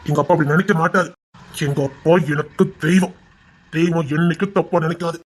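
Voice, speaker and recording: A man's voice: fairly high pitch, steady tone, a little fast, over music, lightly acted. An actor playing a devoted young man who earnestly reassures the woman he loves. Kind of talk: emotional drama acting.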